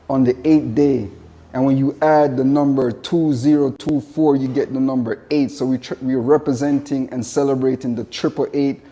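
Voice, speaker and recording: A man's voice: medium pitch, mellow. A man from Jamaica with a Jamaican accent, a vegan chef giving a casual spoken presentation, earnest and repeating his points. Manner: earnest, repetitive phrasing with spiritual asides.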